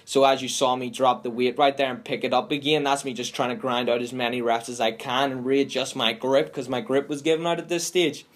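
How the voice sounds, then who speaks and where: A young man talks through his day in a relaxed, casual vlog style, swearing freely. His pitch sits mid-range for a man. It is recorded on a simple camera mic. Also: a little fast, hardly any pauses. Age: young adult. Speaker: fitness vlogger. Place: gym, parked car, home kitchen.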